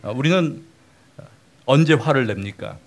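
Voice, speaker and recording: A man's voice: medium pitch, expressive, a little slow. A middle-aged male pastor giving a conversational sermon lecture, often putting questions to the congregation.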